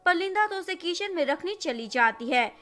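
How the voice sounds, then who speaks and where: A woman narrating a drama recap in a brisk, plain storytelling style, mixing English words into Hindi. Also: very high voice, expressive, a bit bright.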